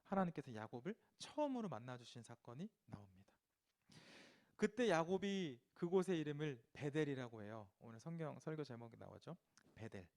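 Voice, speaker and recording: A male youth pastor delivers a storytelling sermon in a conversational, animated way. His voice sits high and swings widely in pitch. He keeps tossing rhetorical questions to his listeners. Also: normal speed.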